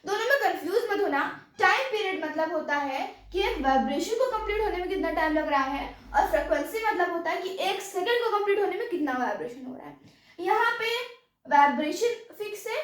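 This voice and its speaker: Female science teacher lecturing a class, high-pitched, recorded from a distance in a roomy echo. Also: lively intonation, fairly quick. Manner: mixes English terms into Hindi, repeats checks like "any doubt". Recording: echoey room, voice from far off.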